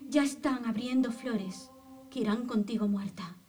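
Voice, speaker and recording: A woman voicing a curious, naive young girl in a radio drama reading, questioning and expressive. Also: fairly high pitch, a little slow, background noise, lightly acted.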